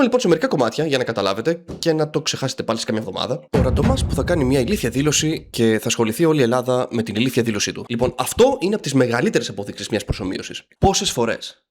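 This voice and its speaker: Animated sarcastic young-sounding man. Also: fairly high pitch. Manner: sarcastic, slangy, mixes in English words and swearing. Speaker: YouTube commentator. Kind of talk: casual commentary monologue.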